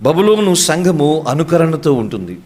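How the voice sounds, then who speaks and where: A pastor preaching a sermon, firing rhetorical questions and slipping in English phrases. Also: male voice, on the high side, very animated, unhurried, a little mellow.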